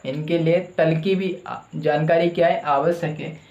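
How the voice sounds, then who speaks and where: Guy teaching a class, asks then answers his own questions, kinda high voice, echoey room. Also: steady tone, normal speed, darkish tone, lo-fi sound. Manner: asks a question, then answers it himself, repeating key terms. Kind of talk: classroom lecture with call-and-response questions.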